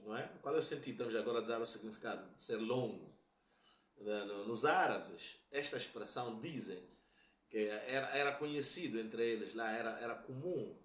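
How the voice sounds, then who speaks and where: A man's voice: mid-range voice, fairly bright tone, roomy sound. A man with a Mozambican Portuguese accent giving a religious lesson, explaining step by step and often checking that listeners follow. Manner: explanatory, repeats points, asks "tá claro?". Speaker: religious teacher. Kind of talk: lecture explaining a hadith.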